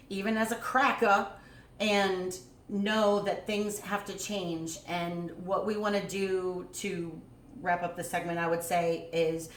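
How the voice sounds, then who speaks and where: A woman's voice: on the low side, fairly bright tone. A woman co-hosting a casual talk show, speaking earnestly and with emphasis. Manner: earnest, emphatic, talks things through. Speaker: co-host. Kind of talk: casual chat. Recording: echoey room, faint background noise.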